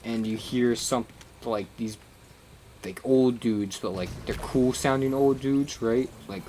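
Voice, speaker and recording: A man's voice: mid-range voice, fairly even intonation, slow, warm tone, a little hiss or hum. A man chatting casually on a live stream, rambling and swearing as he recaps a game, laughing often.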